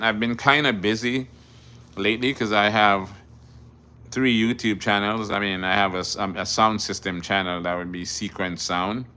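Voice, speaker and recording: Deep and sharp, with some vocal fry, the voice belongs to a middle-aged Jamaican driving instructor answering viewer questions plainly on a casual livestream. He reads each question aloud, and his speech is full of repeated words and restarts.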